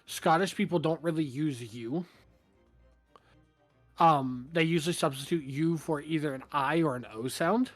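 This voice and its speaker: A man's voice: a little high, measured pace, dry recording, soft background music. A man chatting casually and explaining things with jokes during a game stream. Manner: explaining, joking.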